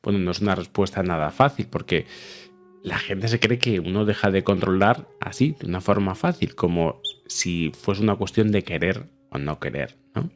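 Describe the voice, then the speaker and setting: A man's voice: sits low, expressive, normal speed. A man hosting a psychology podcast, explaining in a conversational way and often checking in with the listener. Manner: conversational, frequent tag questions. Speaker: podcast host.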